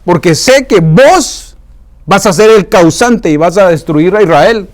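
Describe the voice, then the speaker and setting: A man voicing an old male prophet who foretells ruin in a slow, solemn way. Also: high voice, expressive.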